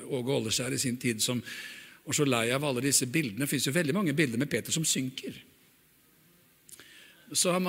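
A man preaching a sermon, animated and chatty, often asking the congregation "right?". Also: fairly high pitch, slightly rough, big-room sound. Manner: animated, acts out the dialogue he retells.

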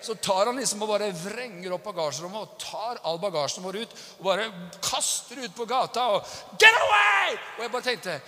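A man preaching a sermon, animated and acting out stories with voices and laughter. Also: sits high, hardly any pauses. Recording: echoey hall.

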